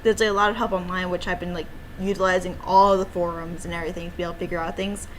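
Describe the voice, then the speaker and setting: Rapid-fire and fairly low-pitched, this woman's voice shows little pitch movement and a bit of brightness. A streamer and amateur game developer, she rambles playfully on stream with cutesy exclamations, in a low-quality recording with clear background noise.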